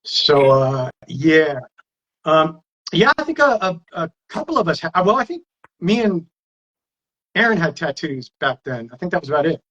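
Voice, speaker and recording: A man's voice: fairly high pitch, sing-song, normal speed, fairly bright tone, lo-fi sound. Man hosting a rambling live stream. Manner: rambling, reads viewer comments aloud. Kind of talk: casual live stream chat.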